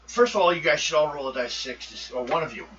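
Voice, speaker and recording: A man's voice: fairly high pitch, quick pace. A man narrating a tabletop game as game master, talking loosely with frequent ums. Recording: muffled, distant mic with steady noise.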